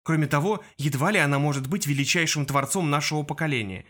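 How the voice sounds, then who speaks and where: A man reading an audiobook voices a steady, loyal teenage boy who speaks calmly and reassuringly. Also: on the high side, quick pace, close to an everyday voice.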